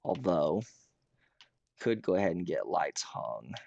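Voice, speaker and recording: A hoarse American man with a fairly low voice talks casually as he streams a game. He rambles and clears his throat often, sounding rough in the throat. The sound is close and dry. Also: big pitch swings, slow pace, a little mellow, no room sound. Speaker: streamer hosting a Minecraft realm. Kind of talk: casual livestream chat while gaming.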